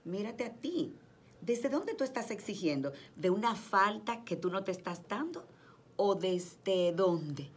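A woman, a guest counselor giving calm, instructive advice on love in a studio interview. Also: medium pitch, measured pace, husky. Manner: calm, instructive, addresses listener directly.

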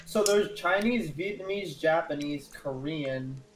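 A man with a fairly high voice plays along with a friend and keeps asking questions about the game. His talk is loose, casual and peppered with profanity. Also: measured pace, slight background noise, rough recording. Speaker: co-player. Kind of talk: casual gameplay chat.

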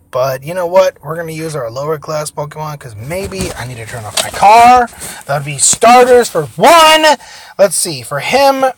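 Excitable swearing gaming vlogger man. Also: fairly high pitch. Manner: swings from shouting and squealing to muttering, swears a lot. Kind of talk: excitable live gameplay commentary. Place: in a parked car.

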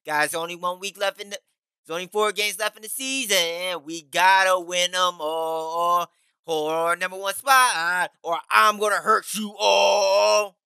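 A young gaming YouTuber speaks into a headset mic in his bedroom, offering hyped, playful commentary on his game and an outro while joking about his own singing. His voice sits high and is gravelly yet smooth, with a sharp tone, fairly even intonation and a measured pace. The recording has no room sound.

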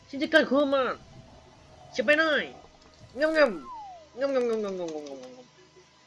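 A man's voice: very high-pitched, huge pitch swings, takes it slowly, fairly bright tone, soft background music, heavily acted. A man voicing a hungry, boastful dinosaur that makes playful threats. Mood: goofy menace. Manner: playful threats in a goofy put-on voice.

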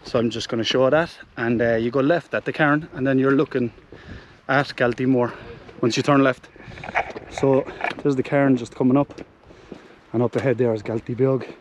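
A man in his thirties with an Irish accent, walking a mountain trail and explaining the route in a relaxed way, pausing on fillers as he films himself at arm's length. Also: mid-range voice, muffled recording, background noise. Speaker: hiking vlogger. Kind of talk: casual walking commentary. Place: open mountainside outdoors. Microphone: camera held at arm's length.

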